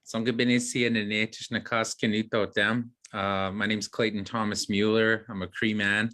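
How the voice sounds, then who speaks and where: A man's voice: lowish voice, level tone, moderate pace, bright, forceful tone, no echo, clean studio sound. A man from Canada introducing himself in an easygoing, joking way on a video call, with uhs. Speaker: panelist, activist. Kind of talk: casual panel introduction.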